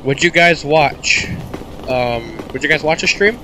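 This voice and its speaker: On the high side with lively intonation, this teenage boy's congested voice moves a little slowly as he plays a video game and jokes sarcastically in mock-grumpy banter, coughing from time to time. He's a gaming YouTuber, and the rough recording has a little hiss or hum under loud game music.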